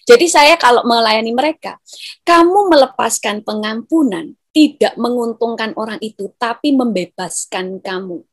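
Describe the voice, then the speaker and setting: A woman pastor answers a question in sermon style, acting out what people say and posing rhetorical questions. Her voice is high. The recording is dry, with no room sound. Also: no echo.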